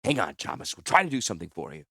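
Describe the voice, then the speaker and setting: A man's voice: low-pitched, huge pitch swings, rapid-fire, pushed and bright, no room sound, studio quality, voice pushed down, heavily acted. A man voicing a stern male commander who speaks in clipped, commanding tones.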